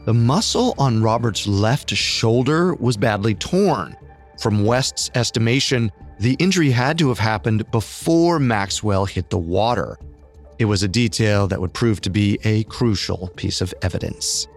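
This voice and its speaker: Low-pitched man narrating true crime. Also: expressive, unhurried, faint music behind. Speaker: podcast co-host.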